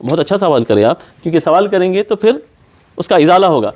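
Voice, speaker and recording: A man's voice: high voice, lively intonation, darkish tone. A man teaching Quran pronunciation in a classroom, patiently repeating sounds over and over to demonstrate them.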